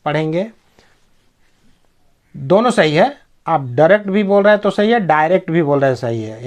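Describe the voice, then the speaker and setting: A man giving a pronunciation lesson, spelling words out letter by letter, repeating each word and checking that his listeners follow. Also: on the high side. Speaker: English pronunciation teacher.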